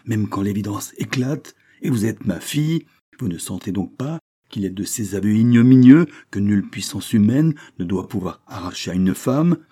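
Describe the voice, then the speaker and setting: A man voicing a furious, proud aristocratic countess, raising his deep voice into shouting, scornful tirades. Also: breathy edge.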